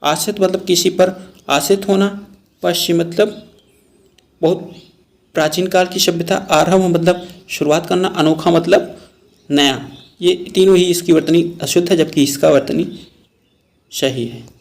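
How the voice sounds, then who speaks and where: Male Hindi teacher, raised gravelly voice, repeats each word while explaining spelling for exam prep. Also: sits high, steady tone, unhurried, long pauses. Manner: explains word by word, repeats terms, calls viewers "friends".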